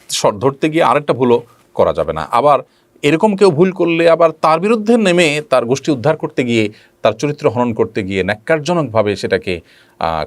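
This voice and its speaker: A man, an Islamic scholar, answering viewers' questions in a measured, explanatory way with frequent drawn-out pauses. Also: medium pitch, no room sound. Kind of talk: religious Q&A talk.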